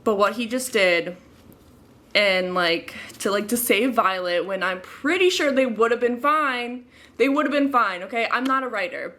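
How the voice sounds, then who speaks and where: A woman's voice: mid-range voice, a bit bright. A young woman chatting casually in a book vlog, exasperated and full of "like". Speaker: book vlogger.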